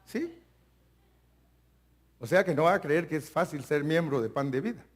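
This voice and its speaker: An older man preaching a live church sermon as pastor, animated, often calling out to his listeners as brother and at times breaking into shouts. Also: fairly high pitch, normal speed. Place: church sanctuary.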